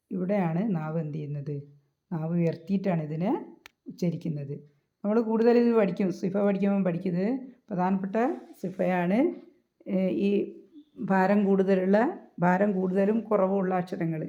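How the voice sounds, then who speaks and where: In a creaky, narrow, lowish voice on a tinny recording, a woman explains how Arabic letters should be pronounced in Quran recitation. Her lesson is patient, with repeated points and checks on whether listeners follow.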